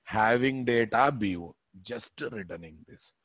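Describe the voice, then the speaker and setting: A man's voice: on the low side, unhurried, a bit bright, slightly rough, no room sound. A man with a Telugu Indian accent teaching a live coding class as instructor, repeating phrases and putting rhetorical questions to his students. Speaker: programming instructor.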